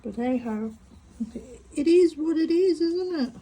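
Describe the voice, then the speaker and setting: Her voice sits high with lively intonation, a measured pace and a dark tone. She is a tangle art vlogger with a stutter, chatting casually to camera while she draws and reflecting to herself, filmed on a phone with poor audio.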